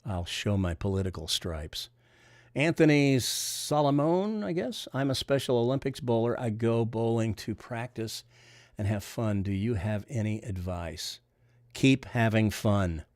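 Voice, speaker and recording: Speaking in a deep, nasal voice with a Missouri accent, this older man is a bowling coach on a livestream, casually rambling and reading out viewer comments before he responds. His delivery is expressive, measured and darkish in tone, captured in clean studio sound with no room echo.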